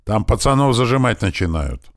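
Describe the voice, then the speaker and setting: A man voicing a rough male fighter who yells and swears to hurry everyone along. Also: mid-range voice, big pitch swings, normal speed, dry recording, studio quality, pitched above the performer's own voice, natural voice. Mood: yelling. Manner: swearing, yelling.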